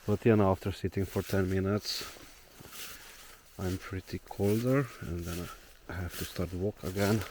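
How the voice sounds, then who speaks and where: Low-voiced Slovenian man hiking outdoors. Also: measured pace. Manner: relaxed, thinking aloud while hiking. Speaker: solo traveler vlogger. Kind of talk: casual walking vlog. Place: forest outdoors. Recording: noisy outdoor nature ambience.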